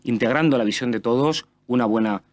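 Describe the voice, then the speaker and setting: A man's voice: mid-range voice, brisk, a little mellow. A man with a Spanish accent speaking in a regional parliament, delivering a critical, insistent speech with small restarts. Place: parliamentary chamber.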